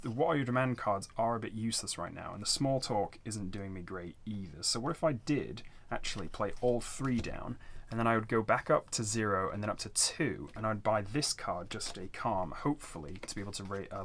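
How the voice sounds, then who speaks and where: Man, low voice, casual game playthrough commentary, hesitant thinking aloud, noticeable background noise. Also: fairly quick, fairly bright tone. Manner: hesitant, thinking aloud, talking himself through choices. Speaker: solo board game player narrating a playthrough.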